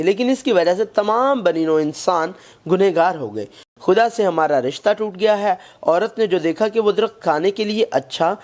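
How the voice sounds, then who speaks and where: Man narrating a scripted Bible lesson. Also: sits high. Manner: measured, even reading with scripture quotations.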